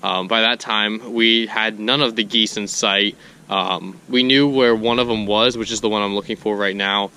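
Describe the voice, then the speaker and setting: A man's voice: fairly low pitch, steady tone, normal speed, pushed and bright, clear, resonant tone. A young man, out of breath, telling a rambling vlog story to camera while walking outdoors through woods. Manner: rambling, self-correcting storytelling. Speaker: hunting vlogger. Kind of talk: casual vlog narration to camera.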